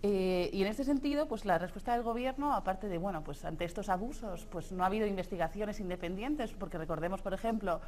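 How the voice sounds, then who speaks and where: A woman's voice: medium pitch, fairly quick, few pauses, a little mellow, a little hiss or hum. A woman with a Peninsular Spanish accent, a spokeswoman for an organization, answering hesitantly with many fillers. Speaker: NGO spokeswoman. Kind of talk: interview answer.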